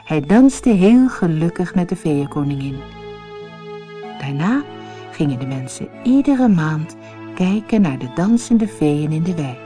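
Woman, storyteller, audiobook narration, lively intonation, slow, faint music behind. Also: deep voice. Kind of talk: audiobook fairy-tale narration.

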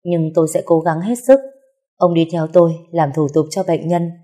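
A woman voicing a middle-aged male doctor who speaks in a measured, matter-of-fact way in a storybook reading. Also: on the low side, fairly even intonation, dark tone, lightly acted. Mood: calm.

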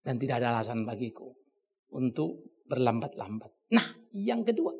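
Male pastor, gravelly and hugely expressive, jumping from shouts to hushed asides. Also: mid-range voice, normal speed. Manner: animated, swings between loud exclamations and soft asides; conversational, teasing, uses slang. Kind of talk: topical sermon.

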